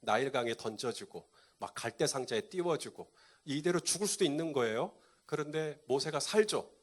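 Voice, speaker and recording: A pastor preaching a sermon to a live congregation, quizzing them and repeating key points. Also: male voice, mid-range voice, expressive, normal speed.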